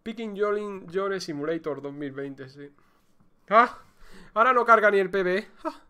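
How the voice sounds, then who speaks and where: A male game streamer with a Spain Spanish accent, chatting loosely through a live session. His voice is bright and a little tense, and it swings widely up and down as he plays up joking complaints with theatrical flair. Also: high voice, animated, a little slow, clear, resonant tone. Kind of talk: casual livestream gameplay chatter.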